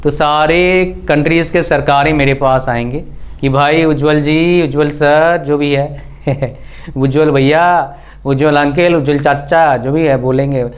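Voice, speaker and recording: A male teacher gives an online exam-prep physics lesson. He keeps asking rhetorical questions and then answers them himself. He drops terms into his talk. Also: fairly high pitch. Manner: mixes English terms into Hindi.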